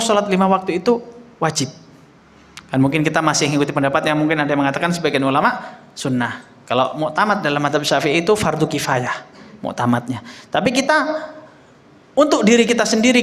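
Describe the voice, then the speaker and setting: Lively high-voiced preacher. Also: male voice. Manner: animated storytelling, acts out quoted voices, addresses audience as Pak. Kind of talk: casual sermon.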